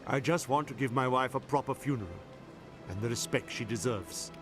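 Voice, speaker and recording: A man's voice: medium pitch, fairly quick, over music, close to an everyday voice. A man playing a dignified, grieving widower in a video game, speaking politely and formally. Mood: sorrowful.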